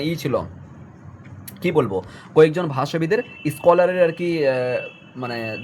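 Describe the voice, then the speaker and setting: A man's voice: a little high, slight background noise. A young adult male teacher giving an exam-focused online lesson, explaining a text line by line and checking often that students follow.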